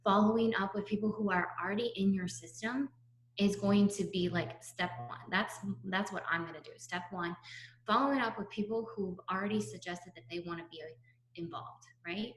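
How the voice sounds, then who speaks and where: A woman's voice: mid-range voice, fairly even intonation, normal speed, roomy sound, slight background noise. A woman leading a sales team on a video call, giving a casual, upbeat pep talk with lots of fillers, a little out of breath. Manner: chatty, upbeat, many fillers. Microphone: laptop mic on a video call.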